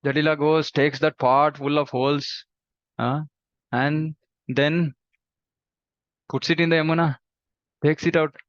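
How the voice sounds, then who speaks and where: A man telling a devotional story in an animated way, acting out the characters' lines. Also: measured pace, pauses often, no room sound. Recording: dull, dry low-fidelity recording.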